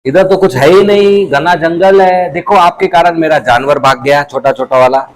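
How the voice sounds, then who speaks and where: Cruel male hunter, boastful, brash, fairly high voice, as a preacher puts him on. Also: normal speed, close to an everyday voice, poor audio. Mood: annoyed. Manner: brash, bragging.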